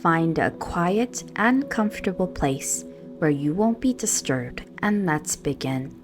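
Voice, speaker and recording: Soft guitar accompanies a woman's low, animated voice as she leads a prayer-based meditation. She speaks very slowly and calmingly, pausing deliberately between phrases.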